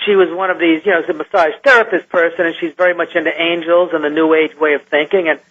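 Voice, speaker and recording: A man who is a scientist recounts an encounter in a radio interview, halting and restarting often as he talks. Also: on the high side, level tone. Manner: halting, with many restarts and fillers. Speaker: guest scientist. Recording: muffled lo-fi radio line.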